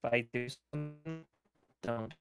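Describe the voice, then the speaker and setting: A man's voice: mid-range voice, measured pace, gravelly, soft background music. A man voicing a world-weary, hard-drinking man who gives rambling, fatherly advice to a kid.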